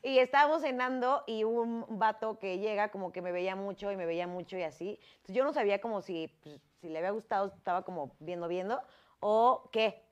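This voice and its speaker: A woman's voice: medium pitch, fairly quick, dull audio. A woman with a Mexican accent telling a story on a comedy podcast, chatty and slangy. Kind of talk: casual storytelling.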